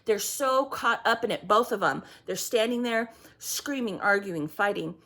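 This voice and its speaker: A woman giving a casual psychic reading, halting and repetitive with many fillers and restarts, sometimes sinking to a near-whisper. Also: mid-range voice, animated, a bit bright. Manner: swearing, acts out heated quotes. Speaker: psychic reader.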